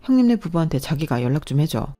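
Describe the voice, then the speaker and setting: A loyal young husband, as a woman acts him out in a radio story reading, hurried and worried. The voice sits low and mellow. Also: very animated. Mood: urgent.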